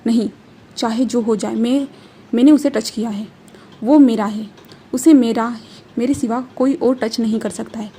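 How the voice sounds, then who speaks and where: A woman's voice: on the high side, steady tone, a little slow, slight background noise. A woman reading the part of a furious, possessive young man in a Hindi fan story. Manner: shouting, then confused self-questioning.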